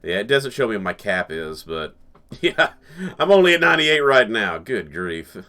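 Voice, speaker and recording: Animated, joking male game commentator. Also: fairly low pitch, moderate pace. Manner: rambling, joking, chuckles often. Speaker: gaming channel host. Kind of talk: casual let's-play commentary.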